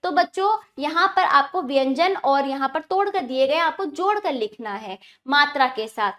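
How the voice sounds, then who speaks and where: A woman with a high voice teaches a grammar lesson to young children. She patiently asks the class questions and then answers them herself. When she spells out example words, she slows down and stresses each one. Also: lively intonation, a bit bright.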